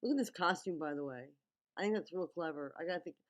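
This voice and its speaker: Lower-voiced woman giving casual commentary. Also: fast. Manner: teacherly, checks in with okay and right. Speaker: video commentator breaking down a music video. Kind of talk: casual running commentary and film analysis.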